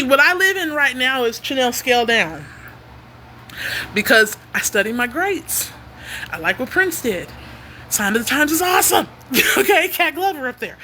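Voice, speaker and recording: A woman singer-songwriter talks casually to her livestream viewers from home. Her voice sits high and sounds bright and forward. She is animated and quirky, and a faint background hum runs under her talk. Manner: animated and quirky, laughs often. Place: home near a noisy freeway.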